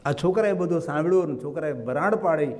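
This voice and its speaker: A man's voice: fairly high pitch, fast, long reverb tail. A man with a Gujarati accent telling a devotional story as a religious storyteller, voicing the people in the tale as he goes. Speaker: kathakar storyteller.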